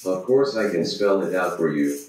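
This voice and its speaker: A man's voice: low voice, expressive, moderate pace. A man voicing a boastful, pompous robot chatbot that adds beep-boop noises, in a very echoey room, far from the mic. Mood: smug.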